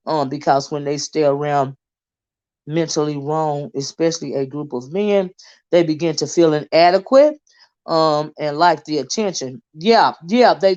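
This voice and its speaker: A woman with a low, slightly mellow voice hosts her own commentary channel in a live-stream monologue. She's blunt and emphatic, circling back to her points and leaning on plenty of fillers, all through dull lo-fi stream audio.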